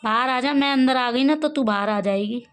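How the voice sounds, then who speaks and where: This pet vlogger's voice is high and clean, at a moderate pace, as she films a cat on her phone in her courtyard at home. She talks to it casually, calling it over in a sing-song, coaxing manner.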